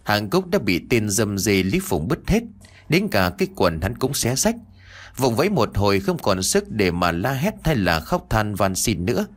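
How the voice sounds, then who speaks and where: A man narrating a horror story in a steady, dramatic reading voice. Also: on the low side, normal speed.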